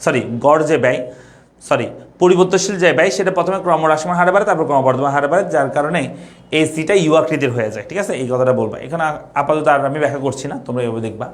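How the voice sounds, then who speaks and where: A man's voice: on the high side, very fast. A young man from Bangladesh teaching an economics class online, repeating points and asking students questions. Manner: repetitive, asks students questions.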